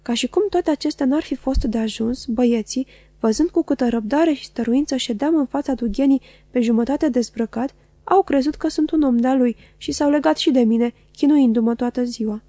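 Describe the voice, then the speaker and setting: A woman reading a classic novel aloud in a measured, even narration. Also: high voice, dry recording. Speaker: audiobook reader. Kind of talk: scripted literary narration.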